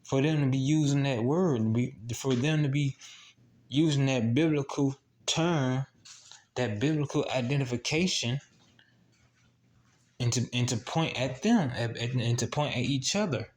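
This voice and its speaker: A man with a medium-pitched, darkish voice preaches a scripture teaching, repeating himself and tossing out rhetorical "what?" questions. His delivery is halting, with many restarts and fillers.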